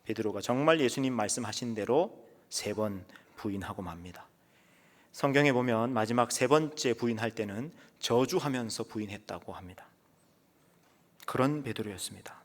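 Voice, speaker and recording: A man's voice: mid-range voice, expressive, normal speed. A male pastor preaching a sermon in dramatic storytelling fashion, often letting phrases trail off to a whisper. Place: church sanctuary. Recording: long church reverb.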